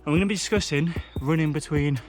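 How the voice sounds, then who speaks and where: A man's voice: a little high, fast, faint music behind. A man talking casually to camera while out running a trail, audibly out of breath. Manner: chatty, talking mid-run. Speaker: running vlogger. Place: outdoors on a trail.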